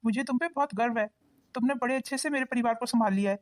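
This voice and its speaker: A woman voicing a husband in a cartoon, talking in a quick, lecturing manner. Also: on the high side, close to an everyday voice. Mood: warm. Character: husband, a grown son of the family.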